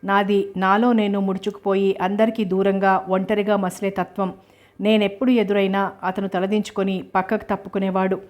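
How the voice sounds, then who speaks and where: Woman narrating a novel in an even tone. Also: medium pitch, normal speed. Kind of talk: first-person novel narration.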